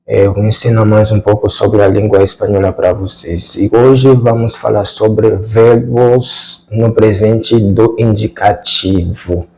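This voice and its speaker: A man with a Brazilian Portuguese accent teaching a whiteboard language lesson, repeating words slowly and often checking in with the class. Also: fairly low pitch, steady tone, vocal fry, a little mellow, poor audio. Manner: slow, repetitive, checks in with "correto?".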